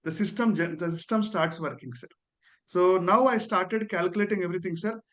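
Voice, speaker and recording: A high-pitched male voice with an Indian accent gives an earnest testimonial. He is respectful and deferential, frequently tagging "sir" onto the ends of his phrases. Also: fairly quick, fairly bright tone. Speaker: dentist, guest giving a testimonial.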